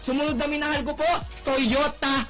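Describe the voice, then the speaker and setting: A young man giving a motivational testimonial speech, exclaiming and shouting, often tagging his lines with a questioning "no?". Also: extremely high pitch, steady tone, moderate pace, music in the background. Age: young adult. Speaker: network marketing speaker giving a testimonial.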